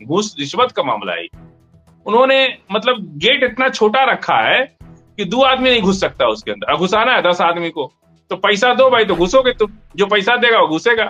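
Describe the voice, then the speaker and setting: Bright, high-voiced man arguing hard. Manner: argumentative, emphatic, interrupts. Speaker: debate panelist. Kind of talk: heated political discussion.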